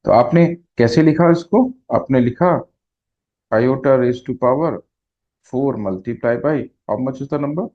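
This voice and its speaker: Guy teaching math real slow, talks thru each step, kinda muffled lo-fi sound. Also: mid-range voice, mellow. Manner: slow, step-by-step explaining, mixing Hindi with English math terms; asks questions and answers them himself. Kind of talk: classroom lecture at a whiteboard.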